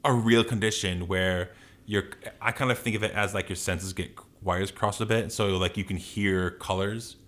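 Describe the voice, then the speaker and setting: Low-pitched man, casual podcast co-host, rambling, opinionated, sweary. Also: steady tone, moderate pace, a bit bright. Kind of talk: casual ranting podcast chat.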